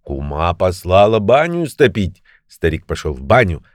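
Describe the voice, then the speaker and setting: A man reads a fairy tale aloud in a lively, expressive way. His voice sits a little low and swings widely in pitch. The recording is dry and close, with no room sound. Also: normal speed, no echo. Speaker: storyteller.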